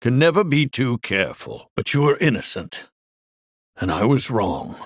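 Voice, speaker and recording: A man's voice: mid-range voice, sing-song, normal speed, husky, dry recording, studio quality. Dio, a swooping, grandiose muscleman showman. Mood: solemn, sincere. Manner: grandiose showman, theatrical, formal flowery diction. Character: flamboyant, vain, muscle-bound male amusement park director. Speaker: video game character voice actor. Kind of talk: theatrical video game voice acting.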